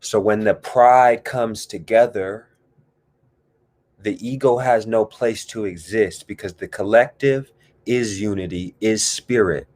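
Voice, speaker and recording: A man with a very low voice leads a guided discussion, speaking slowly in a calm, reflective way. He lets long pauses and sighs sit between his thoughts. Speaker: host leading a guided discussion. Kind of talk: slow meditative guided talk.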